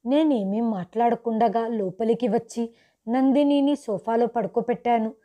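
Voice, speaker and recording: A woman reads a scripted first-person story with dramatic suspense. Her voice is mellow and dark in tone and sits a little high. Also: moderate pace.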